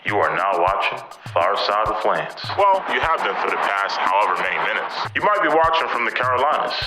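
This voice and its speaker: A man's voice: fairly low pitch, big pitch swings, a little fast. A man with a New York accent hosting a podcast, stammering through questions and reading a playful scripted monologue. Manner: stammering restarts, "mm-hmm" backchannels. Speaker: podcast host. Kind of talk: casual interview chat and scripted monologue. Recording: echoey room with loud music behind.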